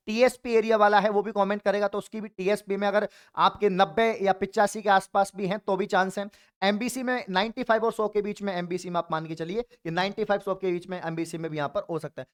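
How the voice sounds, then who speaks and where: A man from Rajasthan, a coaching teacher giving an exam update online and encouraging his viewers, whom he calls friends and brothers. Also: high voice. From Rajasthan, India. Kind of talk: YouTube exam update talk.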